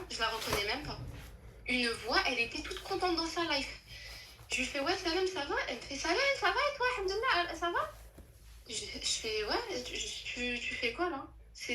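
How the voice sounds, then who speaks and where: A young woman telling a true story in a casual chat, animated and slangy, with many restarts. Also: sits high, echoey room, slight background noise, rough recording.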